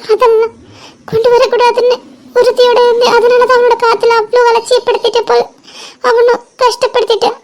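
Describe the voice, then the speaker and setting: A woman's voice: extremely high pitch, a little mellow. A woman voicing a tearful young woman in a fan-made cartoon, crying and pleading for forgiveness.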